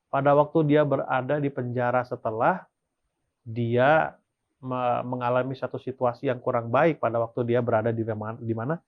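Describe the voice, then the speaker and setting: The speaker is an Indonesian man giving a Bible study lesson for Sabbath school, alternating between reading passages aloud and explaining them, often answering questions he raises himself. He talks at a moderate pace in a steady, medium-pitched voice, and the audio is narrow and tinny.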